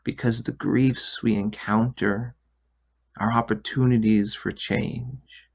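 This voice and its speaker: A man leading a guided relaxation in a soft, soothing, hushed delivery that at times nears a whisper. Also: mid-range voice, flat delivery, slow pace, gravelly. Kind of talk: guided meditation.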